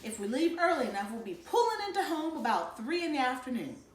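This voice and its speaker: A woman voicing an organized mother calmly laying out a family road trip plan. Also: sits high, fairly quick, a little hiss or hum, voice pushed up. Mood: planning. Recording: roomy echo.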